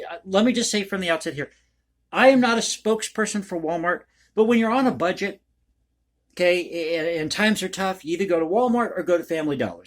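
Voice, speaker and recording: A man's voice: high-pitched, fairly bright tone. A man hosting a casual ad-libbed vlog, talking in a rambling, folksy, conversational way. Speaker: online video host and commentator.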